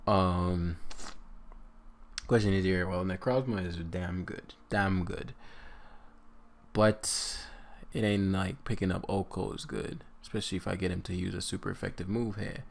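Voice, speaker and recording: A man's voice: low-pitched, fairly even intonation, unhurried, vocal fry, a little hiss or hum. A man giving casual live commentary on his own competitive game, thinking aloud and muttering with lots of fillers.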